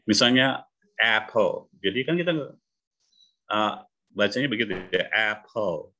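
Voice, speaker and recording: A man from Indonesia teaching English phonics in an online class, repeating example words and confirming each point with a quick "ya". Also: lowish voice, expressive, bright, forceful tone, lo-fi sound. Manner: repetitive, affirming with "ya", demonstrates sounds. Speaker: English coach. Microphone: video call.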